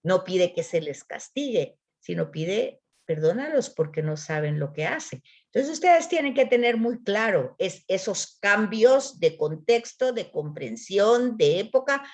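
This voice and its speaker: A woman's voice: medium pitch, sing-song, measured pace, a little mellow. A woman teaching a Bible literature class online, explaining patiently and often checking with "¿verdad?". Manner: explains patiently, repeats words, frequent "¿verdad?".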